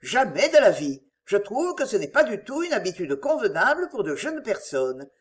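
A man's voice: sits high, very animated, moderate pace. A woman voicing a flustered elderly male doctor, a stern father reacting with incredulous exasperation in a storybook reading.

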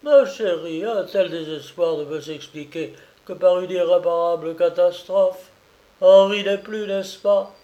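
A man's voice: high-pitched, a little slow, warm tone, highs cut off, voice pushed up. A man voicing an anxious aristocratic mother who exclaims in distress over her daughter. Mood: distraught. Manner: emotional, exclaiming.

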